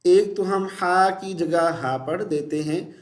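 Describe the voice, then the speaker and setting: A man with a high voice leads a recitation lesson, drawing the verses out slowly in a melodic chant. Between verses he drops into brisk, matter-of-fact corrections. The recording sits in a roomy, echoing space. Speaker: Quran recitation teacher. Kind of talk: recitation lesson with slow drawn-out chanting and quick spoken corrections. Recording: roomy echo.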